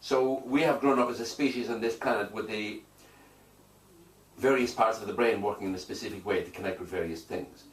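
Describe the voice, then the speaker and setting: Speaking a little fast in a fairly low voice, this hypnotherapist answers an interviewer's questions with emphatic declarations and repeated phrases that add weight. The room echoes, the mic sits far off, and faint noise can be heard.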